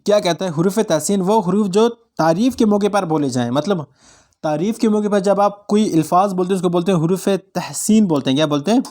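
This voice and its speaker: A man from Jammu and Kashmir teaches an exam-prep grammar lesson on an online class channel, his voice high, brisk and a little mellow. He keeps asking students check questions and repeats definitions so they can memorize them.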